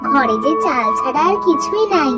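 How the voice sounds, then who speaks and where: A woman's voice: high-pitched, animated, moderate pace, voice pushed down. A woman voicing a poor young village wife who asks politely for help. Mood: pleading. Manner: pleading, polite. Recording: loud background music.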